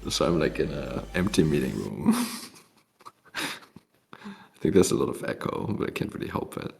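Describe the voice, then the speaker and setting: A man's voice: very deep voice, huge pitch swings, a little slow, vocal fry, a little mellow, slight background noise. A man casually hosting a showcase stream from an empty meeting room at work, laid-back and joking, his voice carrying a cave-like echo. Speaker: mappool showcase host. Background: music playing.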